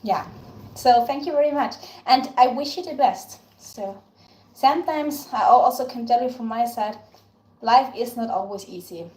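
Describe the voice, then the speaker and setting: A young Tyrolean woman, whose first language is German in the Tyrolean dialect, speaks with an Austrian German accent in a fairly high, darkish voice at a moderate pace. She's hosting a casual live stream while baking, chatting away, answering viewer comments and thanking people often. The room is echoey with background noise.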